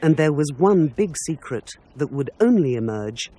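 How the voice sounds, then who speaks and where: Measured male documentary narrator. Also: on the high side, big pitch swings. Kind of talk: scripted narration.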